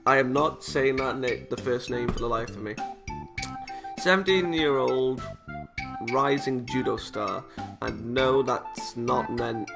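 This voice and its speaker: A British man with a slow, gravelly, mid-range voice hosts a gaming video, chatting casually and reading visual novel text aloud. He keeps interrupting himself with playful asides. Music plays behind his voice.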